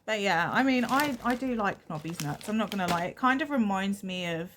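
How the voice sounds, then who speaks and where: A woman's voice: mid-range voice, expressive, a little fast, fairly bright tone, slight background noise. A young woman from England, chatting casually and self-deprecatingly as she shows off a shopping haul on her vlog. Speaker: vlogger.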